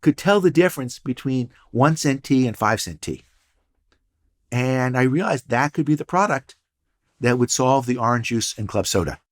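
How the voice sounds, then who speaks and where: A man's voice: mid-range voice, animated, normal speed. An older man, a guest entrepreneur and professor, telling stories in a casual interview with dry, punning humor. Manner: storytelling, wry and punning.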